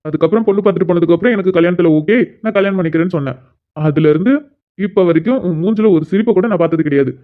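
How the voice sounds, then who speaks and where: In a cartoon, a performer plays a caring older brother who teases his sister and comforts her. The mid-range voice sounds close to everyday speech over phone-quality audio, and the delivery is quick, teasing and reassuring.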